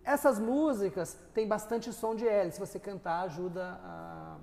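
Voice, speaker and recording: A man, an English teacher and author, answering interview questions in a lively, storytelling way. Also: sits high, unhurried, creaky, long reverb tail. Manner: lively storyteller who sings snippets and laughs. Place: TV studio.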